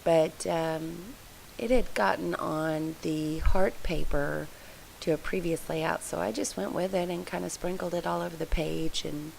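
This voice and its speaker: Low-pitched, unhurried, and fairly even, her dark-toned voice sounds froggy and gravelly from allergy congestion. The recording is rough with slight background noise as this scrapbooking video host chats from her home craft room, wandering and apologizing while describing her process.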